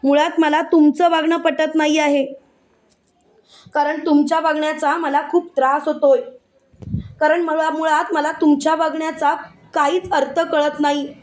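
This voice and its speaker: Brief: high-voiced, loud, indignant young wife, read by a woman narrator, a betrayed wife in a story recap. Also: flat delivery, moderate pace, natural voice. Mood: furious. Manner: loud, indignant, repeating herself.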